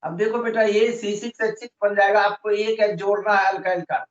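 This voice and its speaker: A man's voice: sits high, steady tone, a little fast. A man teaching chemistry in an online class, patiently explaining and calling his students "beta" all the time. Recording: roomy, muffled online call audio.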